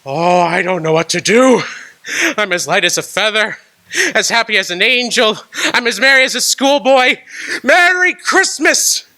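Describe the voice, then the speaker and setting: An actor playing Ebenezer Scrooge, an old miser turned giddy and joyful, in a radio drama, with an exuberant, laughing, theatrical delivery. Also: male voice, high-pitched, expressive, moderate pace, sharp tone, exaggerated voice.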